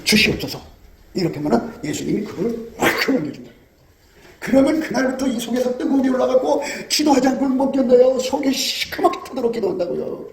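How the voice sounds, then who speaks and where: High-voiced guy preaching fast, gravelly, keeps laughing and going "eh?" at the crowd, echoey room. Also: warm tone, slight background noise. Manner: emphatic, prodding listeners with rhetorical "eh?"; laughs often while preaching. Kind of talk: sermon.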